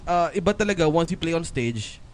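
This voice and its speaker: A man's voice: fairly high pitch, expressive, fairly quick. A man hosting a casual chat with his bandmates, mixing Tagalog and English and laughing often. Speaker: host.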